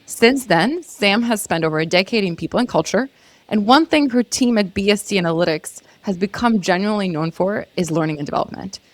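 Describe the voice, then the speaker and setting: A woman's voice: medium pitch, lively intonation, brisk, no echo. A woman from Croatia, hosting a podcast interview in a chatty way, asking questions with asides. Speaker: podcast host.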